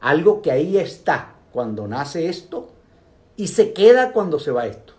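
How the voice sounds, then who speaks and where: An older man gives a casual, animated talk on meditation, speaking directly to his viewers. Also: on the high side, a little slow. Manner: animated, speaks directly to viewers, asides and vocal sound effects.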